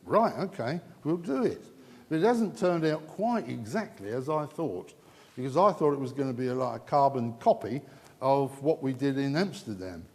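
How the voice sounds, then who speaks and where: In a conference hall with long reverb, a man moderating a panel wraps things up with rambling, chatty remarks and often restarts mid-sentence. His medium-pitched voice is a little mellow, with lively intonation at a normal speed.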